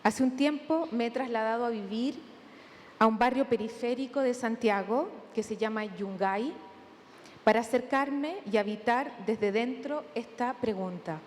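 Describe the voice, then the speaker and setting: Chilean woman giving a measured conference talk. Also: on the high side. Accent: Chilean Spanish. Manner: measured, deliberate, with thinking pauses. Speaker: conference speaker. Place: large conference hall. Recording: long hall reverb, faint room noise.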